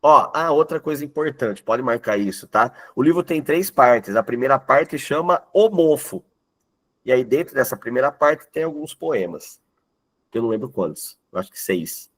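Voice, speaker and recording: A man's voice: mid-range voice, animated, moderate pace, a bit bright. Chatty male teacher, quips and check-ins. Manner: jokey asides to students. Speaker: literature teacher. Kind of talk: casual exam-prep lecture.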